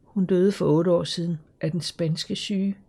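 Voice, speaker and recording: An audiobook narrator voicing a sad young girl who speaks quietly and defensively. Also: medium pitch, steady tone, vocal fry, breathy edge. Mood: guarded. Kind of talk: audiobook character voice.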